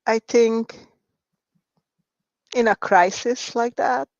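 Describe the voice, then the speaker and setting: Woman from Hungary, middle-aged, soft-spoken, hesitant, dry dull lo-fi sound. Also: on the high side, slow pace, vocal fry, dry recording. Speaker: guest, nurse and writer. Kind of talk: interview conversation.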